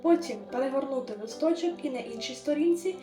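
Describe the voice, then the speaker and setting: A young woman in her late teens, earnestly giving gentle advice as a vlogger. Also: sits high, fast. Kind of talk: advice vlog narration. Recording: echoey room with music underneath.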